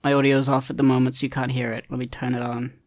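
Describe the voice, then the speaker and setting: A man's voice: mid-range voice, flat delivery, fast talker, a little mellow. Rambling man narrating his gameplay. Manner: rambling, hesitant, many ums and restarts. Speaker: gaming video creator. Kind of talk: casual gameplay commentary.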